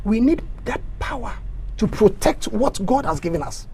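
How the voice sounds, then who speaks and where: His voice high, husky, and swinging widely in pitch at a moderate pace, a Ghanaian-accented council candidate gives a fervent interview. He stumbles through repetitions and breaks into loud, sermon-like bursts.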